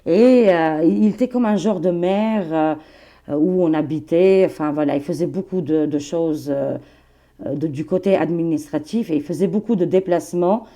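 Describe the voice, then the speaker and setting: A woman in her forties speaks with an Albanian accent, holding a casual, rambling chat with her viewers. Her voice sits a bit low and sounds mellow. She laughs often and fills her sentences with asides. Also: moderate pace. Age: 40s. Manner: chatty, laughing, addresses viewers as friends, many fillers. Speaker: tarot reader and channel host.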